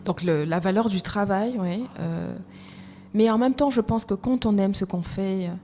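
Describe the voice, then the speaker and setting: A woman's voice: mid-range voice, normal speed, warm tone. Reflective woman in a reverberant room. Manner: reflective, repeats phrases while searching for words. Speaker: podcast guest, HR professional. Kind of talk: conversational interview. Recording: reverberant room with faint noise.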